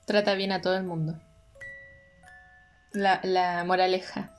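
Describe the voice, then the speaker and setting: A woman's voice: fairly low pitch, level tone, measured pace, faint music behind. A young woman with a Chilean Spanish accent, telling a story in casual, rambling chat full of fillers. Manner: rambling, chatty, many fillers. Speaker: podcast co-host telling stories.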